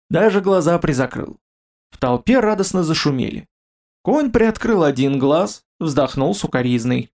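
Male narrator for a fantasy audiobook, steady and expressive, pitch a touch high.

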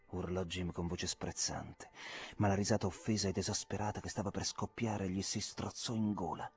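Low male reader for a literary audiobook, measured and expressive. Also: slightly rough. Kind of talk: audiobook narration.

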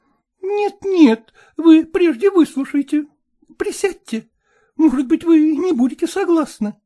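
A man doing a frank young woman who coaxes and insists, her mellow voice swinging up and down. She talks briskly and plainly, pressing her point in a storybook reading. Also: very high voice, lively intonation, pitched above the performer's own voice. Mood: insistent. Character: lively, frank young woman setting terms.

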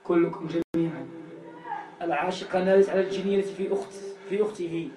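A man leading a Quranic healing session. He chants verses in long melodic lines, then speaks sternly and quickly. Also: high-pitched, fairly even intonation, reverberant, far from the mic, poor audio. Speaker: Quranic healer.

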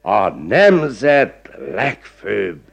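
A blustering pompous magistrate. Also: male voice, fairly high pitch, big pitch swings, gravelly, muffled recording, exaggerated voice. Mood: weary, self-pitying. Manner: pompous, blustering, flares into shouting. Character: pompous, self-important small-town magistrate, man. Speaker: village magistrate. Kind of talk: 1950s radio play acting.

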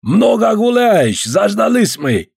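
A high, swooping Georgian voice, all hearty warmth over a pushy edge, as a male narrator puts him on. The accent is thick and the delivery effusive, each phrase flung upward in this audiobook crime story. The voice stays dry and slightly husky. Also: big pitch swings, slow pace, no room sound, exaggerated voice. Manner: effusive, calls everyone "dear". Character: Georgian man, pushy, smooth then threatening.

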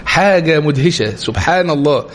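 An Egyptian man gives an animated religious lecture to a live class. He talks at a brisk clip in a somewhat high voice and drives his points home with rhetorical questions. A faint hum of ambience sits behind him. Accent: Egyptian Arabic.

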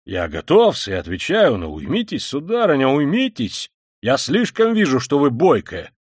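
A man's voice: mid-range voice, huge pitch swings, normal speed, slightly rough, dry recording. A man reading aloud plays a pompous, oily middle-aged official who speaks with prim, fussy formality. His voice rises and falls a lot, and the recording is dry. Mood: flustered. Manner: pompous, unctuous, deferential "-s" endings.

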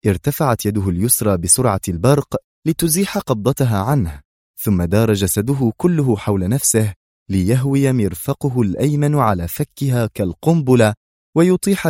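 A man narrating an action novel as a dramatic audiobook, moving his pitch a lot through the story. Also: warm tone, no echo, clean studio sound.

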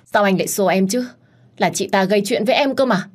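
A woman voicing a jealous young mistress, shrill and spiteful, raising her pitch well above her usual low voice. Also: fairly quick, close to an everyday voice. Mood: whining. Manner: shrill, whining.

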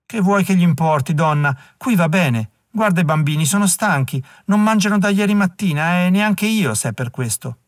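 A man's voice: high voice, animated, normal speed, few pauses, no room sound, clean studio sound, pitched above the performer's own voice. A man voicing a starving, ragged father from old London, coarse and snappish in his bitter grumbling.

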